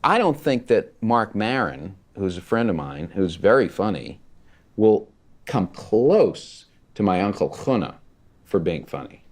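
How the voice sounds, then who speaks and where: A man's voice: on the low side, sing-song, measured pace. A man being interviewed for a documentary who speaks wryly and makes emphatic comparisons.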